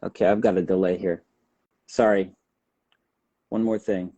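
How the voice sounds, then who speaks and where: A man's voice: deep voice, fairly even intonation, warm tone, no room sound, highs cut off. Man on a video call with uneven volume. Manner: fiddling with his setup, brisk and practical. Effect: uneven volume, audio cutting in and out over a laggy connection. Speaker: guest, business owner. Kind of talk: casual chat.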